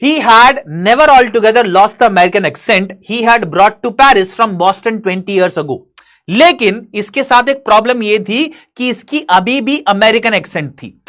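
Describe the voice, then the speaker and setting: Hindi-speaking teacher explaining English text. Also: male voice, high-pitched, fairly bright tone. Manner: reads English lines slowly, then explains in Hinglish; addresses students directly, asking and answering his own questions.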